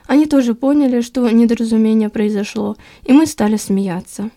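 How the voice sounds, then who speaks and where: A woman reading a story aloud in the first person, lively and expressive. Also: a little high, brisk.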